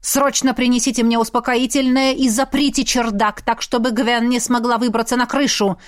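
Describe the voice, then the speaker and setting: A woman's voice: on the high side, little pitch movement, normal speed, lightly acted. Woman doing an angry, commanding male mage. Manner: barking, stern, commanding.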